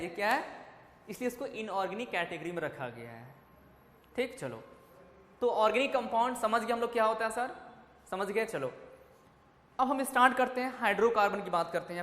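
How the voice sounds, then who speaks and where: A man with a fairly high voice runs a classroom lecture, calling out questions and answering them for his students. His voice rings through a big hall with a long echo. Faint room noise sits behind him. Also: a bit bright. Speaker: chemistry teacher. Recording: echoey classroom with faint ambience.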